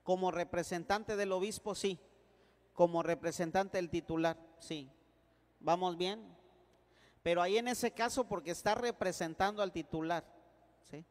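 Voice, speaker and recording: Priest teaching a class, higher voice, slow, keeps asking if everyone follows, big echoey hall. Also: male voice. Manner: playful, keeps checking the class understands. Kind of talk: classroom lecture.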